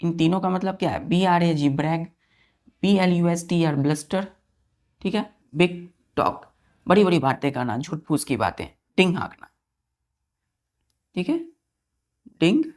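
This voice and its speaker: A woman's voice: on the low side, a little mellow. A woman teaching vocabulary to students, spelling words letter by letter and asking quiz-style questions. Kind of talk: vocabulary lesson for exam students.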